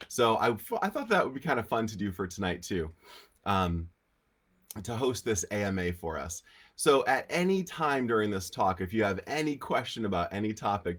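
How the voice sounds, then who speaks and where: A man hosting a weekly live talk on healing, speaking with a congested, nasal voice from allergies in a relaxed, chatty way. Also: lowish voice. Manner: relaxed, chatty, with frequent fillers. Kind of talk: casual livestream talk.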